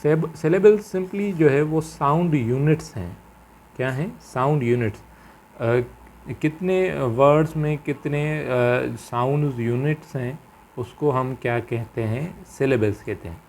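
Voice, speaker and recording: Male teacher, slow halting lecture delivery, faint background hiss. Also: fairly high pitch, a little mellow. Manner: halting, many fillers and repeated phrases; mixes English terms into Urdu-flavoured Hindi. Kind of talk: grammar lecture.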